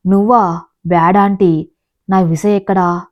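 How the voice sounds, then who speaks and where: A woman's voice: lowish voice, fairly even intonation, a little slow, no room sound, muffled recording, natural voice. A woman voicing a childlike, simple-minded young wife in a told story.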